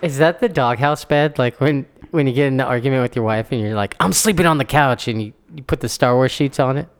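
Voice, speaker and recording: A man's voice: mid-range voice, fast, clear, resonant tone. A man co-hosting a podcast, joking and teasing his friend in casual banter. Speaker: podcast co-host. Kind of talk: casual chat.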